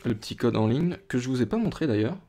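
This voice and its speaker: Young man, from France, casual chat, mid-range pitch, rambling, lots of fillers and restarts. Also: lively intonation, fast, warm tone, faint music behind. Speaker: YouTuber opening card boxes.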